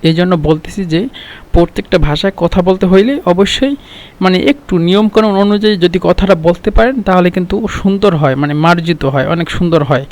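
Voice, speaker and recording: High-voiced man teaching a language lesson. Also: darkish tone. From Bangladesh. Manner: explains slowly with many fillers and repeated examples. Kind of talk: casual spoken lesson.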